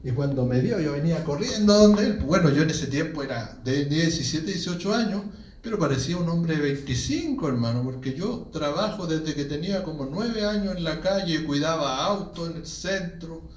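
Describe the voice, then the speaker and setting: A man's voice: a little high, animated, normal speed, a little mellow. A man with a Chilean accent preaching a sermon and telling his testimony, earnestly calling his listeners brother. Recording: echoey room, distant mic, faint ambience.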